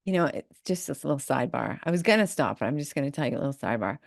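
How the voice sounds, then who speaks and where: A woman hosts a podcast in a chatty, rambling way, often restarting her sentences. Her voice is on the lower side with a gravelly fry, and the sound is dry and close. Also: lively intonation, very fast, dry recording. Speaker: podcast host. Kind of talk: casual interview chat.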